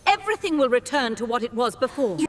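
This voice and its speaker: A woman's voice: fairly high pitch, very animated, fast talker, a little hiss or hum. A woman voicing a kindly older fairy godmother who coos and soothes in a theatrical storybook manner, with music playing behind her. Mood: gentle. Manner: warm, cooing, theatrical. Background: orchestral music.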